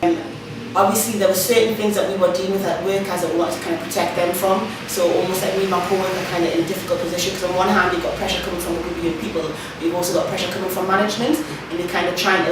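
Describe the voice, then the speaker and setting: A woman youth worker giving a reflective documentary interview with many ums, recorded with a far-off mic in a very echoey, noisy room. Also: on the low side. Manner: reflective, thoughtful, with frequent ums.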